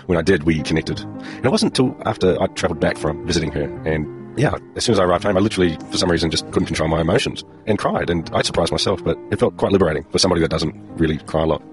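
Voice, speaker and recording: A man's voice: low-pitched, rapid-fire, over music. A man reflectively telling a personal story, slightly hesitant. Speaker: interviewee sharing a story. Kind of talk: personal anecdote.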